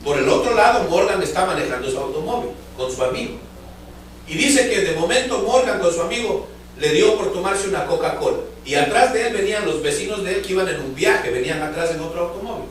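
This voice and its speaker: A man preaching a fervent sermon to his congregation, telling a story with drawn-out emphatic phrases and speaking to the listeners directly. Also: high voice, animated, a little hiss or hum. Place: church sanctuary. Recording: echoey church hall from far off.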